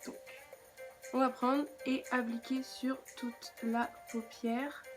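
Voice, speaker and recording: A woman's voice: fairly high pitch, flat delivery, slow pace, music in the background. A woman with a French accent chatting casually through a makeup tutorial, with self-mocking asides. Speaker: beauty vlogger.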